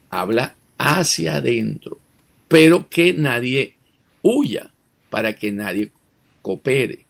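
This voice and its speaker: A man's voice: mid-range voice, creaky. A man, a political analyst giving emphatic interview commentary with rhetorical questions and frequent restarts.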